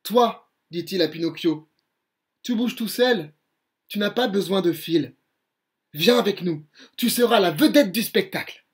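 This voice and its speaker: A man voicing a greedy, bullying puppet showman in a children's story reading, with loud roaring threats. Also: high-pitched, expressive, unhurried, pitched above the performer's own voice. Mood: coaxing.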